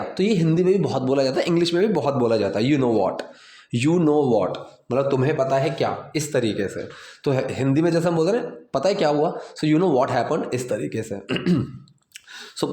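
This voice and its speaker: A man's voice: a little high, a little mellow, reverberant. A man teaching English grammar in Hindi, patiently breaking each sentence into steps and repeating key phrases.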